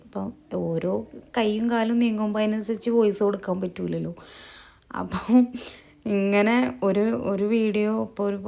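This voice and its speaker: A woman narrating her cooking vlog in a soft, low-volume voice-over, chatty and rambling, often correcting herself. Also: creaky. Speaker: cooking vlogger. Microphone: recorded in a closed room.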